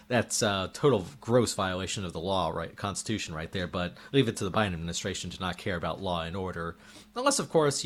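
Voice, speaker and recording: A medium-pitched man, a political commentator, delivers an indignant opinion monologue. He fires off rhetorical questions while his voice gives out.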